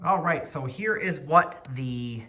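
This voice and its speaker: A man's voice: a little high, lively intonation, slow, pushed and bright. Chatty man reviewing a toy. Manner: chatty and rambling, thinks aloud while working with his hands. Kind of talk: casual hands-on product review.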